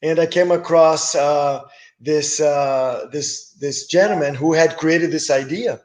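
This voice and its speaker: A middle-aged man who grew up in Brazil, guest in a casual interview, relaxed and enthusiastic with hesitant restarts. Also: on the high side, takes it slowly. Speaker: guest, business owner.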